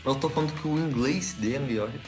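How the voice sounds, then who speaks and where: A man's voice: mid-range voice, brisk, a little mellow, faint music behind. A man co-hosting a podcast, chatting casually and slangily about songs. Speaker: podcast co-host. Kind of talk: casual chat.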